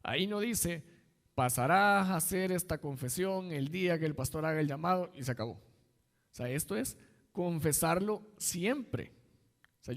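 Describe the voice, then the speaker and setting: Man, assistant pastor, sermon, conversational, personal anecdotes, slightly high voice, long hall reverb. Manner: conversational preaching with personal stories.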